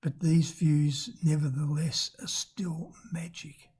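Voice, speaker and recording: A travel vlogger of ambiguous-sounding sex narrating off the cuff, hesitantly, in a thin, squeaky voice roughened by damaged vocal cords. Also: steady tone, slow, dark tone.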